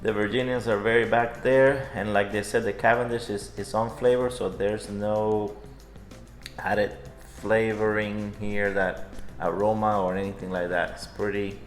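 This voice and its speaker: A man's voice: fairly low pitch, little pitch movement, unhurried. A man co-hosting a product review in casual, conversational chat. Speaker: co-host of a pipe tobacco review. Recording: echoey room, music in the background.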